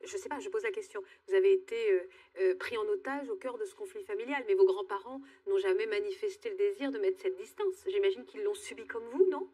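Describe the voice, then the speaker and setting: Fast-talking husky woman host. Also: mid-range voice, warm tone, recorded from a distance. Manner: probing questions, thinks aloud. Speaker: talk show host. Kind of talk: empathetic interviewing. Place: TV studio.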